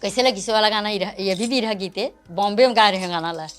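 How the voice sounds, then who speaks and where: An older woman, a Bharthari folk singer appearing as a guest, chats casually in an interview with a Chhattisgarhi accent, laughing often. Her mid-range voice is described as both unhurried and fast-talking, and the background is noisy.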